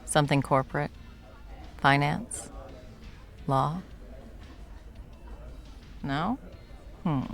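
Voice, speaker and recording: A confident, flirtatious, protective hot female bartender is voiced by an actress in an intimate, one-sided ASMR roleplay conversation. She gives a full character voice, very deep and creaky with an intimate delivery. Unhurried and teasing, she lets out soft chuckles and drops toward whispers.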